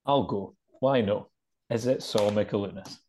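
Easygoing Scottish quiz player. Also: male voice, on the low side, moderate pace, darkish tone. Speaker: quiz contestant. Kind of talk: casual podcast chat.

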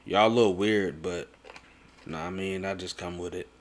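A man's voice: sits low, steady tone, normal speed, a little hiss or hum. A young American man chatting casually in a slangy, swearing, bro-heavy way, like a host talking with a friend. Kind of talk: casual chat.

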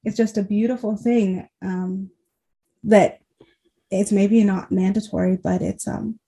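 A woman's voice: medium pitch, steady tone, measured pace, vocal fry, mellow, husky. A young woman guest, a college graduate, talking enthusiastically in a casual discussion with many fillers. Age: young adult.

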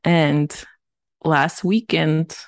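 A woman's voice: sits low, steady tone, very slow, dry recording. A young woman co-hosting a casual podcast chat, joking and laughing often. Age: young adult. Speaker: podcast co-host.

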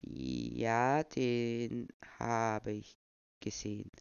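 A man voicing a young man who fakes a frail old man, with a croaky, trembling voice, slow and stammering. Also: medium pitch, no echo, highs cut off, pitched below the performer's own voice, full character voice. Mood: deadpan. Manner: slow, halting, stammering, deadpan.

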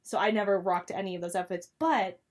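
A woman's voice: medium pitch, a little fast. Eager chatty woman in her twenties. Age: 20s. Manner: eager, agreeable, casual with filler words. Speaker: host. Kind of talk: casual chat.

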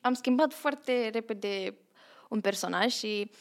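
A young woman co-hosting a casual podcast, telling stories in a chatty way, laughing often and acting out what others said. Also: a little high. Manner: chatty storyteller, laughs often, acts out quotes. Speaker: podcast co-host, theatre troupe member. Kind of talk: casual chat.

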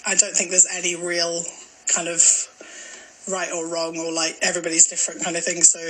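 Co-hosting a laid-back podcast, this twenty-something Glaswegian woman has a mild, in-between accent and tends to giggle and let sentences trail off into fillers. She talks fairly quickly in a low-ish, monotone, sharp voice. There's a little hiss or hum on the poor-quality audio.

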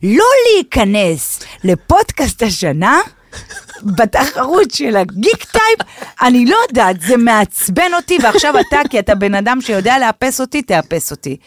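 Animated woman comedian co-hosting a podcast. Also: on the high side, no room sound, studio quality. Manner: animated, playful, jokey. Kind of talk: casual podcast chat.

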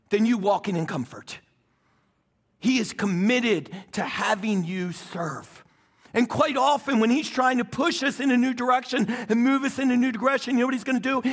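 A man preaching a sermon as pastor, wet and cold, with emphatic rising bursts and soft drops. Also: extremely high pitch. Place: church stage.

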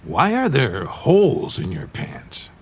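A man's voice: mid-range voice, huge pitch swings, takes it slowly, slightly rough, full character voice. An actor playing an older father who teases his grown son fondly, in an audio drama. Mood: teasing.

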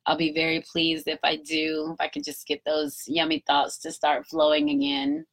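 This podcast host, a woman in her fifties, speaks in a low, monotone voice at a moderate pace. She talks candidly and reflectively on her own show, encouraging listeners while casually cursing.

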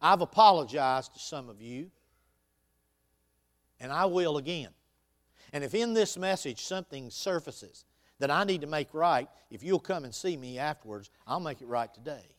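A male pastor delivers a sermon in a somewhat high voice. He exhorts his congregation with emphasis, rising into loud declarations and dropping back into quieter, conversational asides. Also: animated, moderate pace. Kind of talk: sermon with scripture reading.

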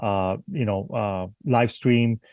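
A man's voice: on the low side, slow, a little mellow, no echo. A man born in Cuba and raised in Spain, a guest bonsai artist talking casually with many restarts. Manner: hesitant, many restarts, laughs easily. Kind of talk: casual interview chat.

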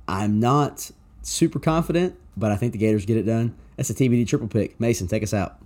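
Mellow guy breaking down games on a podcast, casual and a bit wry. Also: on the low side, brisk. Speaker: sports podcast co-host. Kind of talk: casual sports analysis.

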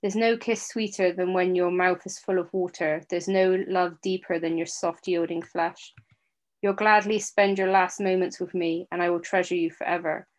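A woman's voice: on the low side, steady tone, moderate pace, lightly acted. A woman reading a storybook aloud voices a male kelpie, a shapeshifting water-horse spirit, in a purring, leering, seductive manner.

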